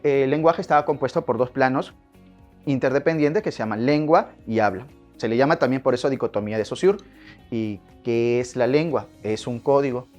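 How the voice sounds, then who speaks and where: A man's voice: medium pitch, darkish tone. A male language teacher, giving a classroom lecture in which he poses questions and answers them himself.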